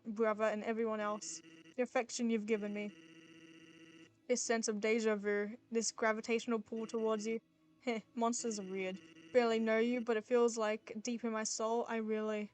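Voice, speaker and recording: A woman voicing a lazy, shy male skeleton monster, softly and haltingly confessing his love. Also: a little high, natural voice, poor audio. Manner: soft, hesitant confession.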